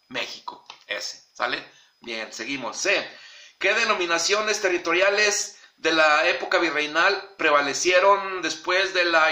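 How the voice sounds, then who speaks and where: A male teacher with a Mexican Spanish accent, slowly dictating history questions and repeating the punctuation aloud. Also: a little high, sharp tone, reverberant.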